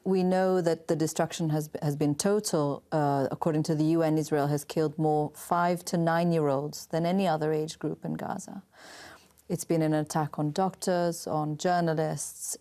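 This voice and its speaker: A woman's voice: low voice, moderate pace, warm tone. A woman hosting a broadcast interview, asking composed, formal questions and narrating the introduction. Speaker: interviewer, host.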